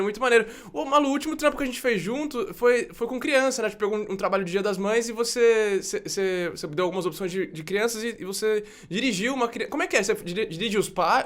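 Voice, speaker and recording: A man's voice: sits high, quick pace, hardly any pauses. A man hosting a casual chat, asking eager, slangy questions.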